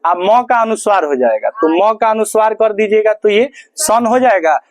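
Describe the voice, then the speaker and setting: Male teacher, Bihari Hindi accent, high-pitched, dry close sound, repeats questions for the class to answer. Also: expressive, normal speed, no echo. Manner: drills with call-and-response questions. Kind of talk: classroom grammar lesson.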